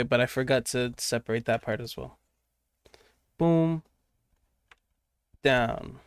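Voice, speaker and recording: Drawing on a livestream, this young man talks loosely to viewers, cursing, wandering off topic, and murmuring to himself mid-work. The medium-pitched voice sounds smooth, with no room sound.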